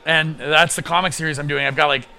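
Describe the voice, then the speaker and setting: A man guesting on a podcast, talking in an excited rush with plenty of swearing and quick restarts. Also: fairly high pitch, gravelly. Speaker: podcast guest, comic book creator. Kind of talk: casual podcast chat.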